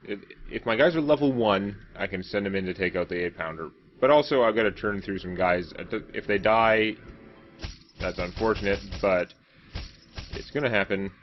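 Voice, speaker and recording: A man's voice: fairly low pitch, normal speed, muffled recording, slight background noise. A man giving casual gameplay commentary as a let's play host, chatty and self-mocking as he thinks aloud. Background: game music.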